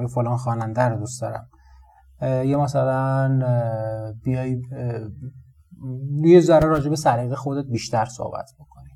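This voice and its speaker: A man teaching English in a casual spoken lesson, chatting through everyday examples and saying English phrases slowly with a Persian accent. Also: fairly high pitch, darkish tone.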